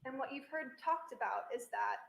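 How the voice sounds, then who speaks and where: A woman attorney presses a witness with pointed, leading questions. Her voice sits a little high with a gravelly edge. It comes through as a courtroom recording, with the room's echo around every word. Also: lively intonation, normal speed. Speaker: trial attorney. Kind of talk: courtroom cross-examination.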